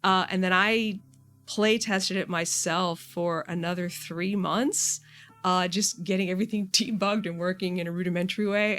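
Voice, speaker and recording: This game mod developer speaks in a lowish, somewhat bright voice, offering relaxed, thoughtful answers in an interview-like conversation. Noise is clearly audible behind her.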